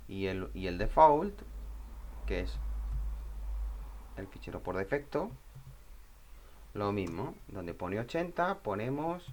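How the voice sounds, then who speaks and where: In a slightly low voice, a man walks through a software tutorial informally and step by step, thinking aloud as he goes. He frequently slips in brief questions to make sure the listener is keeping up.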